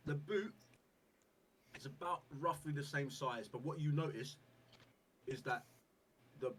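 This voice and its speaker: A man's voice: on the high side, unhurried, a bit bright. A man narrating as game master of a tabletop game in a playful, often laughing way. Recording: distant mic with faint background noise.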